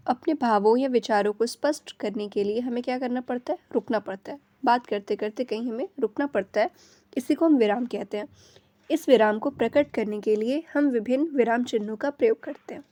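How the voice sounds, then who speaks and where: A woman's voice: on the high side, brisk, mellow. A woman teaching a grammar lesson, explaining each term and then repeating it in simpler words.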